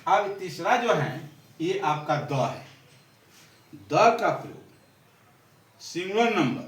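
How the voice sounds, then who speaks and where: Writing as he talks, a man teaches a blackboard grammar lesson, repeating and quizzing his students. His voice is a little high, with slight background noise, and the distant mic picks up roomy echo and faint ambience.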